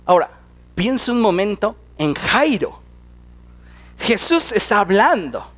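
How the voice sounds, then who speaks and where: A man's voice: sits high, very animated, a little slow, a bit bright. A man preaching a sermon in a dramatic storytelling way, acting out the voices of the people in the story. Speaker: pastor.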